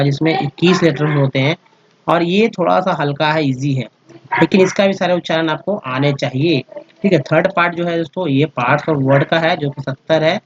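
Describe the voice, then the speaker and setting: A man's voice: fairly high pitch, no room sound, highs cut off. A man teaching a lesson over slides, explaining step by step, spelling letters out and repeating words, and often checking that his listeners follow. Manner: addresses viewers as friends, checks with "ठीक है". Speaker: English teacher.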